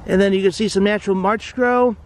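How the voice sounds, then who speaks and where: Chatty high-voiced man giving a trail tour. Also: steady tone, fairly quick, a little hiss or hum. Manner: chatty tour-guide commentary. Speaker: vlog host. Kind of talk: casual travel vlog narration. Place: outdoors at a lakeside forest preserve.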